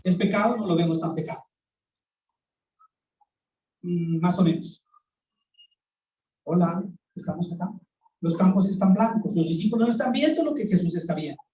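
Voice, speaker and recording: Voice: medium pitch, lively intonation, a little fast, pauses often, warm tone, recorded from a distance, slight background noise. A pastor with a Colombian accent preaching a sermon, telling a story and acting out its dialogue, then asking the congregation rhetorical questions. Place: church hall. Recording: echoey room, voice from off the mic.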